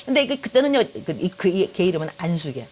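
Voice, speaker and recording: Middle-aged woman pastor from korea, low voice, rattles off a lively joking sermon. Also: fast, a little hiss or hum. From South Korea. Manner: lively storytelling, joking, addresses the audience directly.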